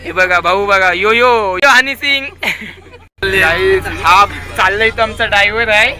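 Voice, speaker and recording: A man's voice: sits high, measured pace. A young man narrating a casual vlog, chatty and pointing things out to his viewers. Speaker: vlogger. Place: inside a moving bus. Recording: phone recording in a noisy, crowded bus. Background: chattering passengers on the bus.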